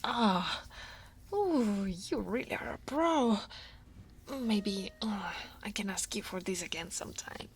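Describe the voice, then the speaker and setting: An ASMR roleplay features an Italian-accented woman from Italy as a senior coworker, a guarded, workaholic dragon woman. Her medium-pitched voice is expressive and slow, soft and often whispered, and she sounds relaxed, wry and self-deprecating, sighing and laughing softly.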